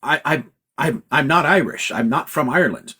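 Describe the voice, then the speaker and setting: Husky-voiced man lecturing emphatically. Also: fairly high pitch, expressive, normal speed, bright, forceful tone. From California. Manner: emphatic, lecturing, swears casually. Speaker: professor hosting a live Q&A. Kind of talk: livestream lecture-style chat.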